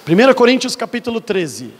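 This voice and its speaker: High-voiced preacher in a reverberant church. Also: male voice, very animated, a little fast, a little hiss or hum. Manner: preaching with rising intensity, varied pitch. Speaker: pastor. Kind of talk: sermon. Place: church hall. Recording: husky voice in a reverberant church hall.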